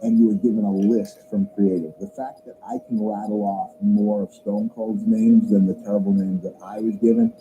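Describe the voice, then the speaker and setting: A man commenting in a documentary interview, speaking in a measured, explanatory way. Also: on the low side, fairly even intonation, mellow, muffled recording. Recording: music playing under the voice.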